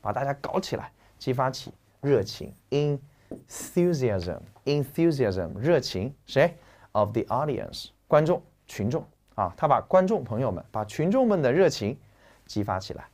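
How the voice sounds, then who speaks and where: Joking, lively man teaching vocabulary. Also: medium pitch, measured pace. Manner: lively, joking, slangy explaining. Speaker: English teacher. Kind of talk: classroom vocabulary lecture.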